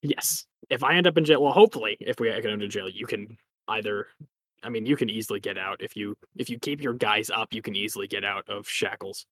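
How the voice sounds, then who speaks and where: A man's voice: lowish voice, a little fast, fairly bright tone, dry recording. Easygoing stammering man at the game table. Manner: casual, laughing, stammering restarts. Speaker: player. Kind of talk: tabletop role-play chat.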